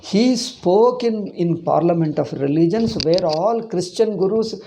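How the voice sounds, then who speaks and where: An older man with a South Indian accent speaks in a high, mellow voice. He teaches informally, like a monk holding a discourse, and repeats phrases for emphasis. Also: measured pace, vocal fry, a little hiss or hum, rough recording. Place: small indoor room. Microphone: clip-on lapel mic.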